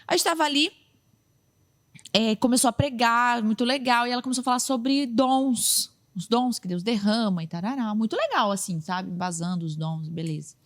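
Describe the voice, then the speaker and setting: A woman's voice: a little high, moderate pace. A young Brazilian woman, a podcast host and preacher, telling a story in casual chat and acting out what others said. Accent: Brazilian Portuguese. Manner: lively, acts out what others said.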